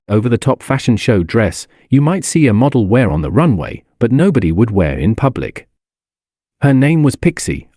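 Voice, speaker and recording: A man reading a story aloud as narrator, in an expressive, lively way. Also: medium pitch, dry recording, studio quality.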